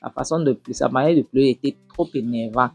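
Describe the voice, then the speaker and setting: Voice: medium pitch, a little fast, vocal fry, a little mellow, husky, no room sound, soft background music. A reviewer retelling a film episode casually and with animation, acting out the characters' lines and scolding them.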